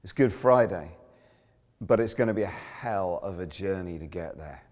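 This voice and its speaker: A man preaching a sermon in a church, telling the story vividly and dropping to a hush on key lines. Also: deep voice, animated, normal speed. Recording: echoey church hall.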